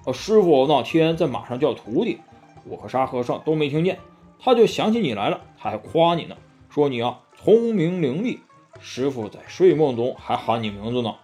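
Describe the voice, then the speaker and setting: A man's voice: on the high side, sing-song, normal speed, mellow, faint music behind. A male storyteller voicing a greedy, bumbling pig-monk who grumbles and pleads. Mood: pleading.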